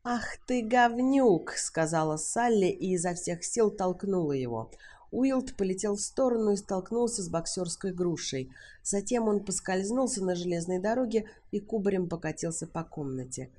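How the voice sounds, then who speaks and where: A woman narrating a novel as an audiobook in an even, measured manner. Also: fairly low pitch. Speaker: audiobook reader.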